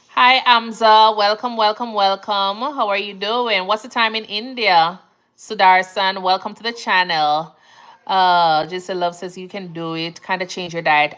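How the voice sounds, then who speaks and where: This Jamaican woman, a nurse hosting a livestream, chats casually and reads out viewer comments in a Jamaican accent. Her lowish voice has a clear, resonant tone. She's relaxed and chatty, laughs easily, and uses Jamaican phrasing.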